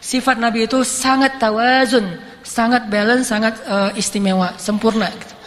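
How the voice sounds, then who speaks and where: A man gives a lively, joking sermon and acts out the voices in his stories. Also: very high voice, moderate pace. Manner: animated, jokey, acts out voices. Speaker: preacher. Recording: reverberant hall with faint noise.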